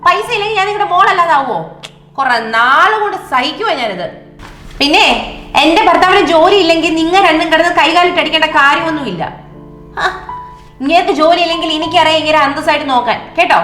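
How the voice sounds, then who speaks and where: A woman's voice: very high voice, quick pace, bright, forceful tone, faint music behind. A woman with a Malayali accent playing a defiant young wife who lectures her parents in a comedy sketch. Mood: indignant. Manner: indignant, lecturing. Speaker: daughter defending her husband. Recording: roomy echo.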